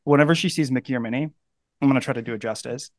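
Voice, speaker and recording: A man's voice: mid-range voice, rapid-fire, no echo. Podcast host guy in his 30s, rambly, lots of "like", mid voice, super dry sound. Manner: chatty, with many "like"s and restarts. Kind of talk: casual podcast conversation.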